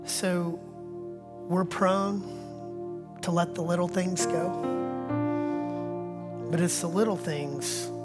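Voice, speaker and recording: A middle-aged pastor preaches in a church, telling stories and acting out the conversations in them. He often drops to a near-whisper, then comes back louder. Music plays clearly underneath his voice. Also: sits high. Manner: storytelling with acted-out dialogue, swinging between quiet whispers and louder bursts. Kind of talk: sermon.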